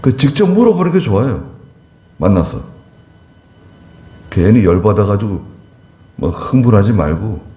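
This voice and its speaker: A man's voice: fairly low pitch, very animated, measured pace, long pauses, dark tone, roomy sound. A male pastor preaching a conversational sermon, acting out short dialogues in a church.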